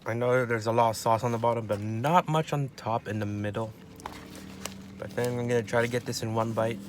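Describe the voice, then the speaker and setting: A man's voice: medium pitch, steady tone, fairly quick, a little hiss or hum. A man in his twenties doing a casual food review in a car, talking while he chews. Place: inside a parked car. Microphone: phone at arm's length.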